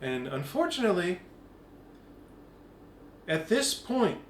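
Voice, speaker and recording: A man's voice: sits high, takes it slowly. A man leading an informal spiritual talk at a group meeting, acting out little quoted voices as he goes. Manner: animated, acts out quoted voices. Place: meeting room. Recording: echoey room with faint background hum.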